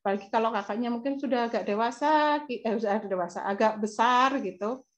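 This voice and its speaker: A woman's voice: fairly high pitch, quick pace, muffled recording. A woman with an Indonesian accent presenting a parenting webinar over slides, hesitant with many fillers and self-corrections. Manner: acts out soft calming lines to a child.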